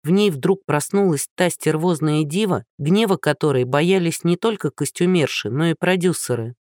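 A narrator reading an audiobook in an even, measured way. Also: mid-range voice, no room sound, clean studio sound.

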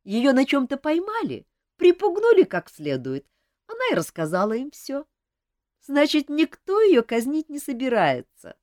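Casting: narrator doing a brisk, clever young court lady, very animated. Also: sits high, dry recording, clean studio sound, voice pushed up, full character voice. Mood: reasoning. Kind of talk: audiobook character reading.

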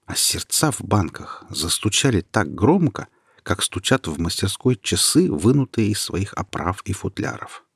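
Fields. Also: male voice, lowish voice, measured pace, gravelly, husky, no room sound, studio quality. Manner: steady, expressive reading. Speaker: narrator. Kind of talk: storybook reading.

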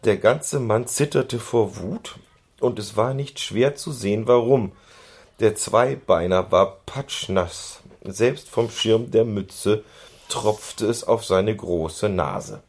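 Slow, husky expressive storyteller man. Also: on the low side. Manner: expressive, playful. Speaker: narrator. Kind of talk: audiobook reading.

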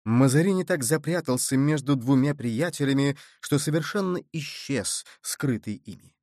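A man narrating an adventure novel in steady, measured storytelling. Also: mid-range voice, dry recording, studio quality. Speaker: audiobook narrator. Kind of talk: scripted narration.

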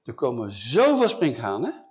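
A man's voice: medium pitch, wildly swooping pitch, measured pace. A man doing an insistent, earnest prophet. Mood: warning. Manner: insistent, emphatic. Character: earnest male prophet, firm leader.

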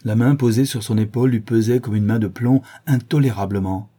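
A man narrating a classic novel in a measured, dramatic reading. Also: medium pitch, fairly even intonation, mellow, slightly rough. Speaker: audiobook narrator. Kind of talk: scripted narration.

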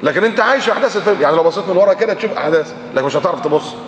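A man with an Egyptian Arabic accent preaching a sermon, animated and full of rhetorical questions, sometimes chanting verses. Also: high-pitched, racing, a little hiss or hum. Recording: echoey hall recording.

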